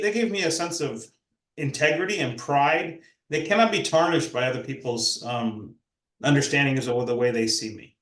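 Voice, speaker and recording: An older man, a professor, speaking in a measured, reflective way in an academic discussion. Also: medium pitch, a bit bright. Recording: roomy echo.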